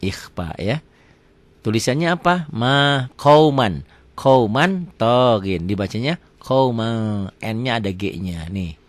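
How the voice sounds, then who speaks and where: A man teaching Quran recitation rules. He asks questions and answers them himself, and he stretches the example words out slowly. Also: medium pitch, very animated, dry recording. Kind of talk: tajwid lesson with question and answer.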